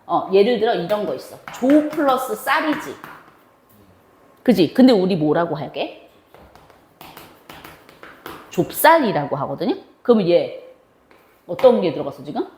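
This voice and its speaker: A woman's voice: medium pitch, big pitch swings, darkish tone, echoey room, slight background noise. A woman teaching Korean grammar as a lecture, chatty, asking questions and answering them herself. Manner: asks and answers her own questions in a chatty, drawn-out teaching tone. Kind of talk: classroom lecture.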